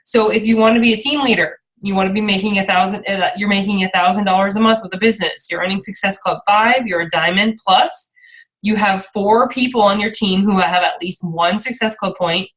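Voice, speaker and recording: A woman's voice: mid-range voice, brisk, a bit bright, rough recording. A woman leading an informal motivational team training call, rambling a little and often checking in with her listeners as she encourages them. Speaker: team leader and coach hosting a call.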